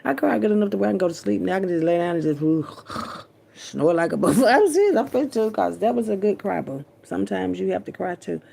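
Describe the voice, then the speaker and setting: A woman's voice: lowish voice, quick pace, vocal fry, warm tone, slight background noise. A woman vlogger talking loosely and profanely to her viewers in a casual late-night chat. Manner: loose, profane, chatty, talks to viewers as y'all.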